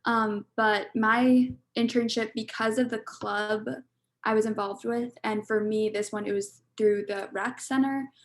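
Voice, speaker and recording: A woman's voice: a little high, fairly even intonation, unhurried. A young woman student on a panel, talking casually and chattily over a video call. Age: young adult. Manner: chatty, many "like" fillers.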